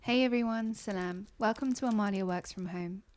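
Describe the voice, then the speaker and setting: A woman's voice: medium pitch, brisk, a little mellow. A woman hosting a podcast, reading the show's scripted welcome. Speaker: podcast host. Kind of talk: scripted show intro.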